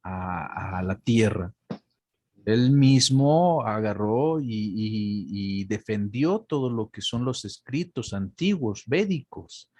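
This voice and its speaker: A man's voice: fairly low pitch, takes it slowly, no room sound. A man, a teacher who talks casually and grows emphatic as he explains, calling his listeners brother and sister. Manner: emphatic, rising to animated explanation. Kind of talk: casual conversation after class.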